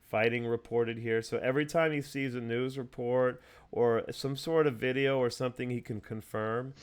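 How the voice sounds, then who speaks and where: A man's voice: mid-range voice, steady tone, normal speed, smooth. A man hosting a casual chat over a video call, explaining things at length with many fillers and restarts. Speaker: host. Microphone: video call mic.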